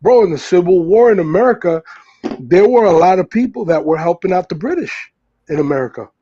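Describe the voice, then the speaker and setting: A man's voice: sits high, expressive, brisk, mellow, lo-fi sound. A man from the US Northeast, the host, talking loosely in casual chat, full of fillers and restarts. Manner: rambling, many fillers and restarts.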